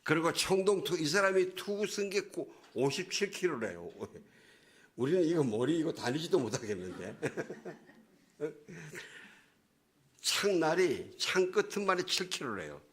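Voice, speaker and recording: A man's voice: fairly high pitch, very animated, unhurried. A male pastor giving a sermon, retelling a story vividly in casual, slangy speech. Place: church.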